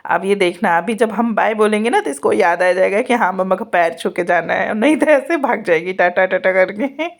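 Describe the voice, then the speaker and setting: A woman's voice: medium pitch, normal speed, creaky, hardly any pauses. A woman in her thirties, a mother chatting casually in a home vlog while she gets her children ready, laughing often. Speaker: vlogger mother.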